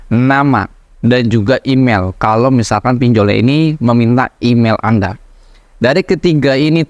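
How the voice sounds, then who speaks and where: A man hosts an informal tutorial vlog, explaining in an instructive way and often rephrasing his points. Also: medium pitch. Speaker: YouTube host giving debt advice.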